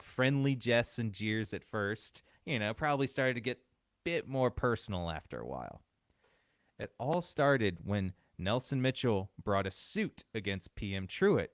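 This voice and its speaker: A man hosting a podcast, telling a story in relaxed casual chat and laughing often. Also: medium pitch, no echo, studio quality. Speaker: podcast host.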